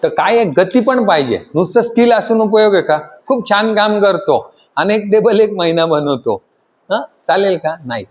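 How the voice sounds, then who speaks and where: Male instructor, high voice, quizzing students in a training classroom. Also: lively intonation, moderate pace. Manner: asks the class constant questions and pushes them to answer louder. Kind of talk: classroom lecture.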